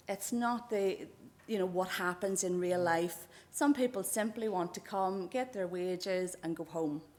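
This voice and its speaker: A middle-aged woman with a Northern Irish accent giving an academic lecture on her own. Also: mid-range voice.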